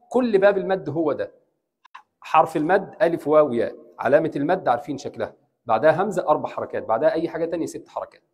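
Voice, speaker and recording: A man's voice: on the high side, darkish tone, husky. A man with an Egyptian accent, an imam giving a classroom lecture on recitation, explaining step by step, checking in with his students and switching between Arabic and English. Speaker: imam teaching Quran recitation.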